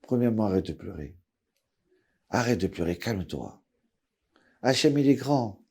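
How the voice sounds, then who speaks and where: A man doing a gentle soothing old rabbi. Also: medium pitch, unhurried, slightly rough, pitched below the performer's own voice. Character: gentle calm older male rabbi, soothing.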